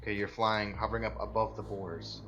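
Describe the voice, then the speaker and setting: A man's voice: fairly low pitch, level tone, a little fast, dull audio, noisy background. A man running a casual tabletop roleplaying game as game master, thinking his rulings through as he talks.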